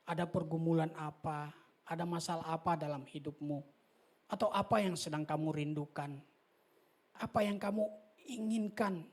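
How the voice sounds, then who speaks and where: A man preaching a sermon as a pastor in a church hall, impassioned, swinging between near-shouts and whispers. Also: on the high side.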